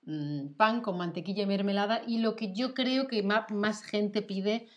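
A woman's voice: mid-range voice, unhurried. A woman with a Spanish accent from Spain, hosting a casual chat and patiently explaining words like a teacher. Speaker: host. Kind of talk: casual chat with a language lesson.

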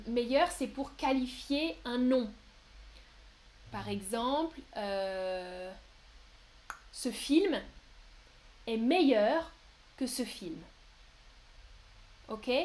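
A woman's voice: fairly high pitch, darkish tone. A woman teaching French on a live stream, answering chat questions patiently with examples and frequent hesitations. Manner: patient, explains slowly with examples and frequent "euh"; playful, laughs at her own mistakes. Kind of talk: live-stream language lesson.

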